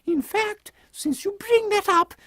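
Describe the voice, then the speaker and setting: An extremely high, dry-sounding voice carries a pompous queen. She scolds in haughty, old-fashioned formal phrases, as comic audio drama, full of indignant authority. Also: a little slow, pushed and bright, no echo, exaggerated voice. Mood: brisk, imperious.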